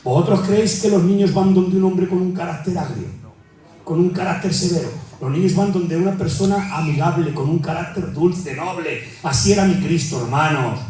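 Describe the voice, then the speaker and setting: Fervent Spanish preacher in an echoing hall. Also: male voice, a little high, normal speed, a little hiss or hum. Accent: Peninsular Spanish. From Spain. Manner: fervent, rises to near-shouting, repeats "hermanos". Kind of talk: sermon. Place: church hall. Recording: very echoey hall, mic far off, faint music.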